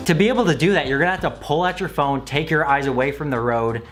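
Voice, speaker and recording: A man's voice: fairly high pitch, quick pace, a bit bright. Mocking, critical man over background music. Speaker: video host. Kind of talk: casual commentary. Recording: music playing behind the voice.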